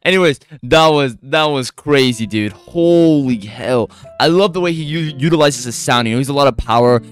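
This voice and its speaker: Man, reaction host, casual, excited, gushing, rambling, mid-pitched voice, faint music behind. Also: moderate pace, clear, resonant tone.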